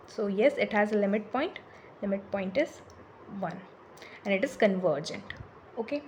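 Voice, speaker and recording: A woman teaching a maths lesson, switching between Hindi and English and explaining step by step with pauses and fillers. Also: a little high, a little mellow, slight background noise.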